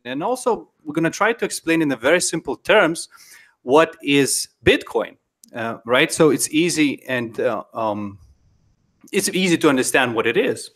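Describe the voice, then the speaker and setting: A man in his thirties hosting a live interview, speaking haltingly with many pauses and restarts, into a studio microphone at home. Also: a little high, sing-song, a bit bright. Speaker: interviewer host. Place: home room. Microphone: headphones and studio mic on a boom.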